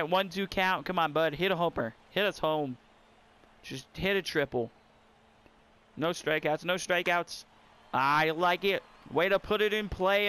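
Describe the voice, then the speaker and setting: A young man giving casual, excitable commentary while playing a baseball video game and talking to his viewers. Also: fairly high pitch, clean tone. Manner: excitable, talks to viewers and the screen. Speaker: gamer.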